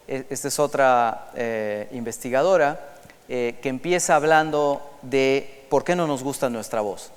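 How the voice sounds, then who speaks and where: A man speaking to a large auditorium through a microphone, his smooth, resonant voice carrying a long hall reverb. He lectures in an animated way, asking the crowd questions and switching into English to quote. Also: medium pitch. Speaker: conference speaker. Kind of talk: lecture to an audience.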